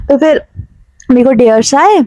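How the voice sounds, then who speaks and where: Young vlogger girl from himachal, mellow kinda high voice, rambles a story with lots of fillers, dry close sound. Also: expressive, normal speed, no echo, rough recording. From Himachal Pradesh, India. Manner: chatty, many filler words and restarts. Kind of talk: casual storytelling to camera.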